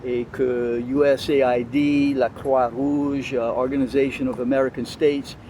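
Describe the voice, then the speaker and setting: A man speaks with a Louisiana French accent in a conversational interview. He is hesitant, often searching for the right word, at an ordinary pitch. There is clear outdoor urban noise behind him. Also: level tone, measured pace, warm tone. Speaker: interview guest.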